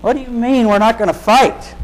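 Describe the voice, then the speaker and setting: A preacher voicing a blunt, impulsive disciple. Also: male voice, on the high side, normal speed, close to an everyday voice, poor audio. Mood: baffled. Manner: protesting, emphatic outbursts.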